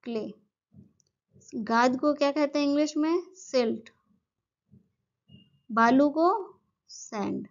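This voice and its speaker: High-voiced woman teaching an exam lesson. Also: slow pace, vocal fry, pauses often, muffled recording. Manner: asks questions and answers them herself.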